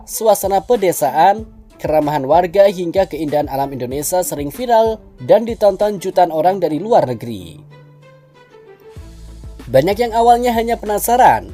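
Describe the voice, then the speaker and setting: A woman's voice: lowish voice, mellow. A woman reading scripted documentary-style narration.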